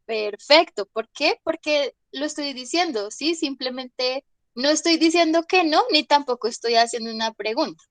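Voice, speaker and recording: A woman's voice: high voice, normal speed, a bit bright, dry recording. A woman teaching English online, explaining patiently, asking her students questions and repeating examples. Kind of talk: online class explanation in Spanish.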